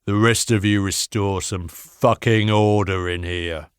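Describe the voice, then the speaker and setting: A man's voice: lowish voice, steady tone, measured pace, clear, resonant tone, no echo, studio quality, natural voice. A man voicing a brutish, menacing male asylum orderly who sneers and threatens.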